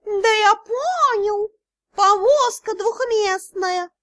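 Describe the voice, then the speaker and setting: A woman's voice: extremely high pitch, very slow, fairly bright tone, voice pushed up, full character voice. A woman voicing a cheeky male cat who is the spirit of a golden dragon, teasing and drawling in an audiobook. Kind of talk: audiobook character voice.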